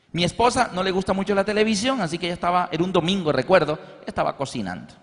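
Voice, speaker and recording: High-voiced preacher in a reverberant hall. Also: male voice. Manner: animated, acts out scenes. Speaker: pastor. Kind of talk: storytelling sermon. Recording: long reverb of a large hall.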